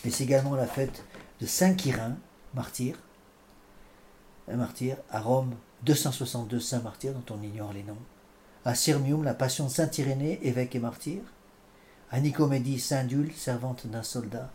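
A man preaching a sermon and commenting on scripture, often halting and repeating words with fillers. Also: mid-range voice, a little mellow, slight background noise. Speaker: priest.

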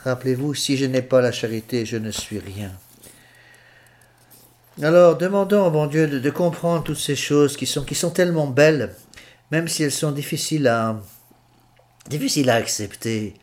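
A man's voice: mid-range voice, moderate pace, long pauses, darkish tone. A man, a priest preaching a sermon in an earnest way, often repeating and restarting his phrases.

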